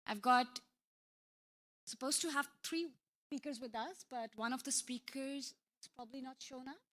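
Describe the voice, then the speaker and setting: A woman's voice: sits high, moderate pace, fairly bright tone. A woman from Pakistan moderating a conference session, introducing speakers in a friendly, loose way with fillers.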